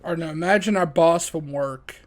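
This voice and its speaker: A man's voice: a little high, moderate pace. A young man streaming and narrating a game, jokey and laughing often while directing his friends. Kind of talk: casual chat while voice-acting a game.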